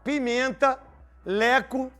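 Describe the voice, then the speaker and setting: A man's voice: extremely high pitch, takes it slowly, bright, forceful tone, faint music behind. A middle-aged man hosting a heated sports panel, teasing and talking over the others. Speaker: panel show host. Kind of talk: heated casual sports chat.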